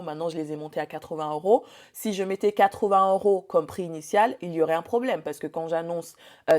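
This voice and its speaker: A woman's voice: fairly low pitch, a little mellow. A young woman, a bridal hair and makeup artist, teaching business in a chatty talk full of fillers and restarts. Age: young adult. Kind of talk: casual spoken training talk.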